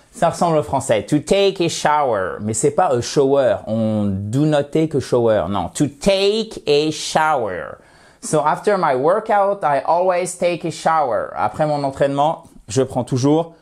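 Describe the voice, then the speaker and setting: A man teaching English in French, a lively video lesson where he reads the English example sentences slowly and with stress. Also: on the high side.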